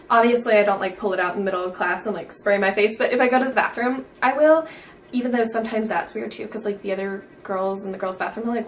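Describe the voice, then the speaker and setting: A teenage girl beauty vlogger chats in a casual, bubbly way, saying "like" constantly. Her voice is fairly high-pitched and recorded from a distance, with slight background noise.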